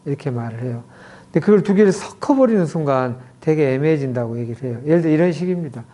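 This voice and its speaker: A fairly high-pitched, warm-toned man with lively intonation addresses an audience as a middle-aged clinic director. His subject is communication, which he unpacks slowly while acting out numerous example quotes.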